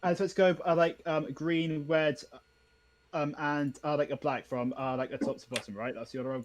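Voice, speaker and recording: A man's voice: on the high side, fairly even intonation, normal speed. A man following build instructions over a video call, hesitant and full of fillers while he checks his work.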